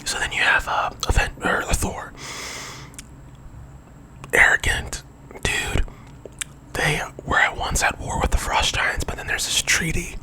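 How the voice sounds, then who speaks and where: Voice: a little slow, long pauses, sharp tone, rough recording. Whispering young adult ASMR rambler. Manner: whispering throughout; casual, rambling with digressions. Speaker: ASMR video creator.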